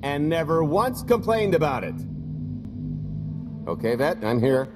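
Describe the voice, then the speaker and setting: An actor playing a sly, smug, wisecracking con artist and gambler in a video game, with a theatrical manner. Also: male voice, fairly high pitch, sing-song, unhurried. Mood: wry. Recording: music behind the voice.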